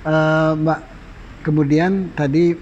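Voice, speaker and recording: A man interviewing a guest in casual conversation, with frequent short affirmations and gently probing questions. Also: on the high side, flat delivery, takes it slowly, dull audio, a little hiss or hum.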